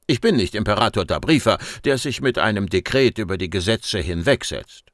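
A man reading an audiobook and voicing a calm male statesman, measured and dryly polite. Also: lowish voice, no echo, clean studio sound.

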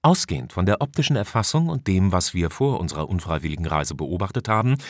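A man plays a calm male scientist aboard a starship, laying out his reasoning step by step. The voice is lifted somewhat above the reader's low register, dry and close. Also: fast, no echo. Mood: explaining. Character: male scientist, measured and explaining.

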